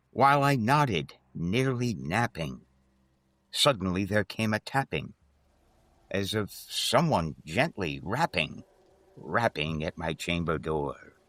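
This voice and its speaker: A man giving a measured, theatrical reading of Gothic poetry, speaking deliberately. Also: deep voice, fairly bright tone, dry recording.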